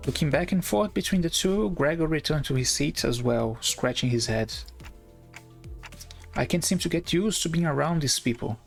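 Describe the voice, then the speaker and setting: A man's voice: on the high side, lively intonation, moderate pace, creaky. A man streaming a game live, reading its dialogue aloud casually and stumbling over words now and then. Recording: faint game music behind.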